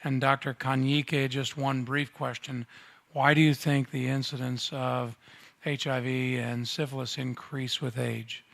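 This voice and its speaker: Gravelly male surgeon asking from the floor, thoughtful with pauses, handheld mic in a hall. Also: medium pitch, little pitch movement, fairly bright tone. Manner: thoughtful, pausing with fillers between points. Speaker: audience member, surgeon. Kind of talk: asking questions at a conference. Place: conference hall. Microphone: handheld microphone passed around.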